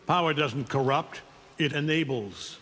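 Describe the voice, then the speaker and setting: A man's voice: fairly high pitch, unhurried, a bit bright. A man playing an arrogant, menacing alien conqueror in a video game, speaking with cold, contemptuous command. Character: arrogant, menacing alien superpowered conqueror, mature male warrior. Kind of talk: video game fight intro acting. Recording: long reverb on the voice.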